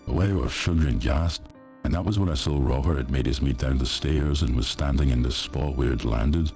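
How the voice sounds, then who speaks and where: Very deep-voiced man reading horror. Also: fairly quick, darkish tone, soft background music. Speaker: story narrator. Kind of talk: first-person horror story reading.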